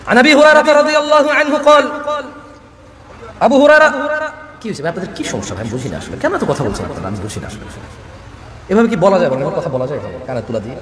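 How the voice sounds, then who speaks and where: Male preacher, scolding and restless, very high and quick, heard distant and roomy over a PA. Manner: restless, loud and high-voiced, scolding the crowd. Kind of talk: sermon at a religious gathering. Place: large religious gathering, amplified on a mic. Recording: echoey PA sound from far off.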